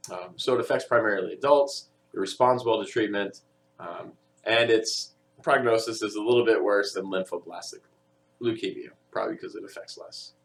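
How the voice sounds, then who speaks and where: Male lecturer, low gravelly voice, loose conversational delivery, lots of "um" and "right?". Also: moderate pace. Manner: conversational, many fillers and tag questions. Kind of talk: recorded audio lecture.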